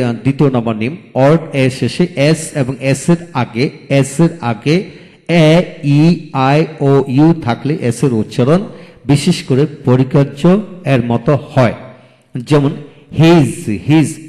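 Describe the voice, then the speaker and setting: Man, video lesson teacher, repeats and spells words, warm dark tone, reverberant room. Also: mid-range voice. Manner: slow, repeats each word twice and spells it out. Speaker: English teacher. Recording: long hall reverb.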